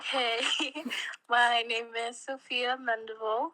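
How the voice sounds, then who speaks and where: A young adult woman from Mexico, a college student, chats casually in an interview, full of fillers and little laughs between words. Her pitch sits fairly high with a level tone, and she speaks slowly with a sharp edge. There's no room sound.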